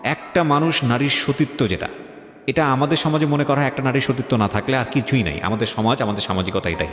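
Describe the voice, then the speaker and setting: Hosting a radio talk-show interview, a Bangladeshi-accented man dispenses advice quickly and forcefully, arguing his points and dropping into English now and then. His voice is mid-range and fairly bright, with hall-like echo and faint background music.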